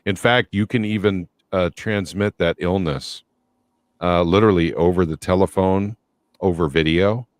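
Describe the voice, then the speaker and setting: A man with an extremely deep voice, recorded close and dry with no room sound. He trades casual chat in a deadpan, mock-formal way. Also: normal speed, dry recording.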